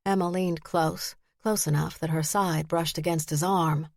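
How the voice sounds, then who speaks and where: A woman narrating a historical romance audiobook in an expressive storytelling voice, lifting her pitch to act out the characters. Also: measured pace, dry recording, clean studio sound.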